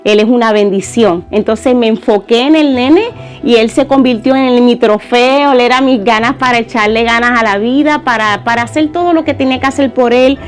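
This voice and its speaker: A woman's voice: on the high side, normal speed, faint music behind. A woman giving an earnest, conversational personal testimony in church.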